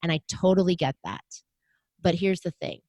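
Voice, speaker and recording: Low-pitched motivational American woman. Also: moderate pace, no echo. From United States. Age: middle-aged. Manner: earnest, motivational, animated when quoting others. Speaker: podcast host and guest. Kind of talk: interview conversation.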